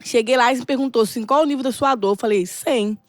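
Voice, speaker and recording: A middle-aged woman telling a personal testimony in a casual, animated way and acting out the dialogue. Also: fairly high pitch, quick pace, dry recording, studio quality. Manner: animated, laughing often, acts out dialogue. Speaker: church guest sharing a testimony.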